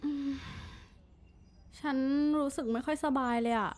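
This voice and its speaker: A woman's voice: sits high, fairly even intonation, unhurried. A woman playing an anxious young wife troubled by eerie nightmares in a radio drama. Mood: unwell, soft.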